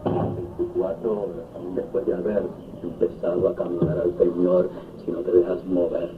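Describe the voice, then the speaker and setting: A man preaching a sermon, telling the story with drama and jumping high on his exclamations. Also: level tone, normal speed. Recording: tinny lo-fi 1970s recording with faint noise.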